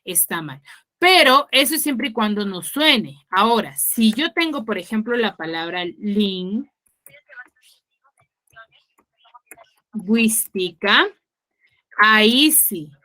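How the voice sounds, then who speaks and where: Woman teacher quizzing pupils online; bright, clear voice, unhurried delivery. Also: fairly high pitch, very animated. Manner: quizzing students, explains patiently. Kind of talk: online class instruction. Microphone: video call.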